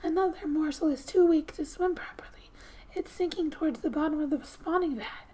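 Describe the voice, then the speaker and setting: This ASMR gamer and host has a high-pitched voice, soft and breathy and often nearly whispered. She reads a game's story aloud in a gentle, unhurried way, dropping in casual asides.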